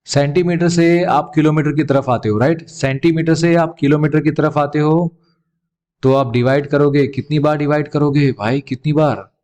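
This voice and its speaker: A man's voice: a little high, fairly even intonation, moderate pace, darkish tone. A man with an Indian English accent teaching a children's math lesson, calling his students "beta" and asking questions he then answers himself.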